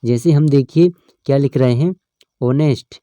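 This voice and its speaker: A man's voice: medium pitch, moderate pace, warm tone, no room sound, studio quality. A male teacher, explaining an English grammar lesson step by step and often checking in with his students. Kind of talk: exam-prep lesson.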